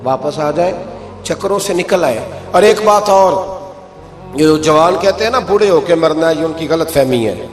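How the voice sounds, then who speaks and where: A man preaching an Urdu sermon in a mosque, telling stories with emphatic rises to high exclaims and drops to low tones. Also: animated. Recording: echoey hall with faint music.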